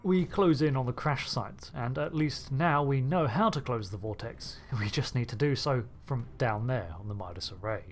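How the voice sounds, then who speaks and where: A man's voice: medium pitch, normal speed, few pauses. A man narrating a video game story playthrough in a conversational way, with wry asides. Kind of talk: narrated playthrough with light commentary. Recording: voice over background game music.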